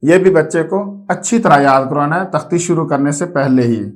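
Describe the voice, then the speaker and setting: A man teaching a Quran reading lesson, explaining patiently and slowly drawing out letter sounds to demonstrate them. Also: a little high. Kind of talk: instructional lesson.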